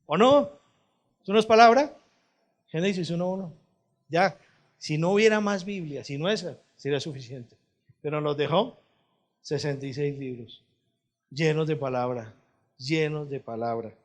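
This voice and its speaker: Male pastor, sermon, fairly high voice, swings between hushed and loud. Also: moderate pace, long pauses. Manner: swings from soft and low to loud and high, asking the congregation questions.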